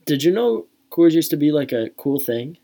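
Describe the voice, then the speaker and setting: A woman's voice: low-pitched, big pitch swings, normal speed, creaky, dark tone. A young woman from Michigan in her twenties, co-hosting a casual podcast chat and rambling with lots of filler words. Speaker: podcast co-host.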